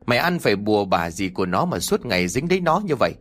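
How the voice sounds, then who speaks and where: A man's voice: fairly low pitch, sing-song, fast, fairly bright tone. A man voicing an old village mother who scolds her son in long, shrieking tirades. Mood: scolding.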